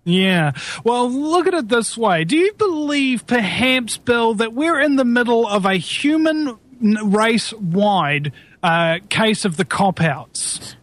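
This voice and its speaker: High-pitched man interviewing, hesitant. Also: lively intonation, takes it slowly, fairly bright tone. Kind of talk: casual conspiracy talk.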